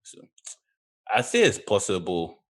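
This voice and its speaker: A man's voice: low-pitched, wildly swooping pitch, measured pace. A man chatting casually about football as a panelist, emphatic and repeating phrases for effect.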